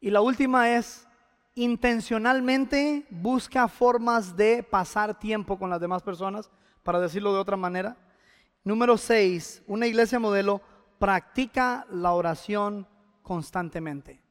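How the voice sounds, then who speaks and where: A man's voice: sits high, unhurried, in a large hall. A man preaching a sermon as pastor, speaking conversationally and addressing the congregation directly.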